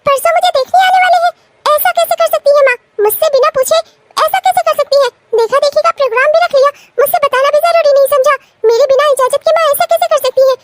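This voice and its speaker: Role: spoiled young woman in a cartoon. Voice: a woman doing a shrill, whiny, demanding brat, very high and dry. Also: quick pace, hardly any pauses, dry recording, distant mic. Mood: indignant. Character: bratty spoiled young woman, the sister-in-law. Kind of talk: cartoon voice acting.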